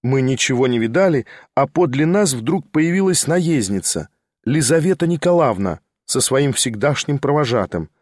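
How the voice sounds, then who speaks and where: A man reading a novel aloud as an audiobook narrator, in a measured and expressive way. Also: mid-range voice, no echo, studio quality. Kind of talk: scripted literary narration.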